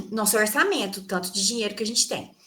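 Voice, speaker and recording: A Brazilian woman teaches English online over a video call, explaining terms and quizzing her students, asking them questions and answering them herself. Her voice is medium in pitch, brisk, and sharp in tone.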